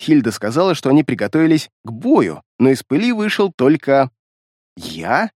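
A man's voice: a little high, sing-song, fairly quick, darkish tone, dry recording. A man narrating a first-person fantasy audiobook expressively, reading close to the mic.

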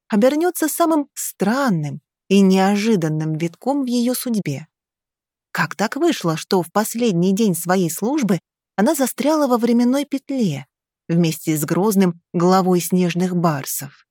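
A woman narrating a fantasy novel in a slow, measured audiobook reading on a close mic. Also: medium pitch, a little mellow, no echo.

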